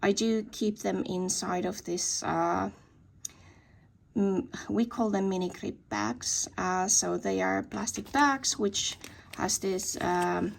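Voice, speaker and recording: Slow, gravelly woman. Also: medium pitch. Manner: tentative, thinking aloud and correcting herself. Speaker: hobby plant grower showing her collection. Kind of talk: casual show-and-tell video tour. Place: indoor plant growing space.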